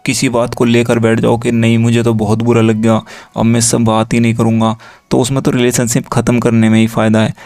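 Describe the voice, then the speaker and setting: A young man casually explaining relationship advice to viewers, reading chat messages aloud in a steady, even tone. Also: medium pitch, no echo. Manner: reads chat lines aloud in a flat steady tone, addresses viewers directly.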